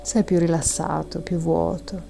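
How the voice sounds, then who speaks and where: A woman leading a guided breathing meditation in a soft, soothing and calming manner, with long audible exhales. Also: deep voice, a little slow, gravelly, soft background music.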